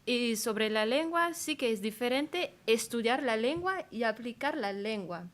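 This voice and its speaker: A young woman from Madagascar tells a personal story as a panel speaker at a public colloquium, using a language that is not her first; her first language is also not Spanish. Her voice is on the high side and animated at a measured pace, though she hesitates and searches for words.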